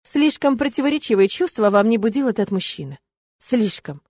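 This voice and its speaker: A woman narrating a first-person audiobook in a wry, lively storytelling manner. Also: on the high side, normal speed, no room sound.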